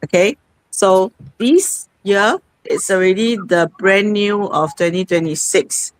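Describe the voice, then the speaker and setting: A woman's voice: medium pitch, slow pace, dry recording, low-quality recording. A woman, hosting an online sharing session in a rambling, conversational way. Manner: conversational, rambling with many fillers. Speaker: host.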